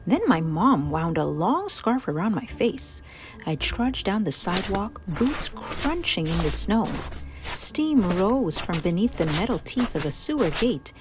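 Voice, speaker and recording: Over background music, a woman of medium pitch reads a children's storybook as the host. She hams up the descriptive words playfully, and some background noise is audible.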